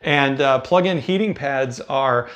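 This cruise advice host is an American man in his fifties who talks in a relaxed, explanatory way. His mid-range voice has a fairly bright tone and a measured pace. A lapel mic picks him up in a room lined with bookshelves.

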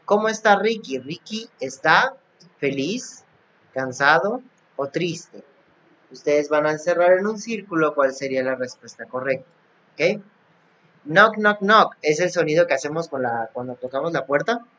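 A man's voice: a little high, a bit bright. A male teacher recording a class for young pupils, repeating and translating each English phrase. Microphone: recording app, device not seen. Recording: dull lo-fi app recording.

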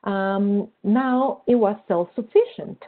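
A woman's voice: medium pitch, slow. Woman, tinny video call. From Colombia. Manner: earnest, explanatory, many fillers like "kinda like" and "right?". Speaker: guest historian. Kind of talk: academic seminar talk and Q&A.

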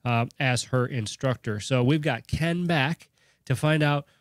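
A man's voice: medium pitch, a little slow, no echo, studio quality. A man hosting a podcast while sick, his voice nasal, with a joking, self-deprecating manner. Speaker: podcast host. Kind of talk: podcast intro.

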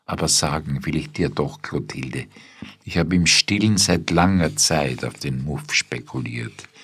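A man's voice: very deep voice, measured pace, a bit bright, slightly rough, dry recording, exaggerated voice. A man voicing a stiff, formal old general who asks curtly, in a spoken story. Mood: wistful.

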